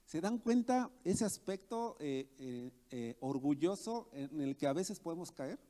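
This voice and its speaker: A man's voice: fairly high pitch, animated, a little slow, dark tone. A man preaching a sermon to his congregation, calling them brothers and acting out boastful believers. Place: church hall. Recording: long hall reverb.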